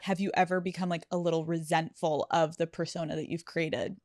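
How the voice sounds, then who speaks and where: A woman's voice: sits low, level tone, a little fast, a little mellow, dry recording. Gushing woman podcast host, dry sound. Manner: enthusiastic, gushing. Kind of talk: casual podcast interview.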